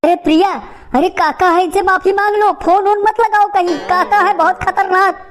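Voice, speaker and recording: Lady doing a whiny lovesick young guy, super high squeaky voice, pleading nonstop, cartoon. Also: fairly even intonation, normal speed. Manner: pleading, tearful begging. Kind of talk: animated cartoon comedy.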